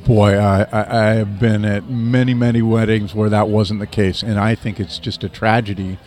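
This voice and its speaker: A man's voice: on the low side, flat delivery, normal speed, darkish tone. Man hosting, leaning on tag questions. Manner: ends points with leading tag questions. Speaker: interview host. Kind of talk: casual interview.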